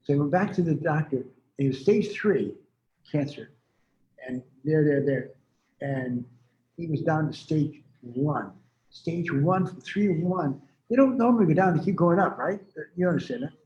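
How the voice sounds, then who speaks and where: A man in his seventies, interviewed as a healer, talks readily and rambles in a casual manner. His fairly high voice is expressive and a little mellow at a normal speed, with a bit of hiss or hum on a dull, echoey lo-fi recording.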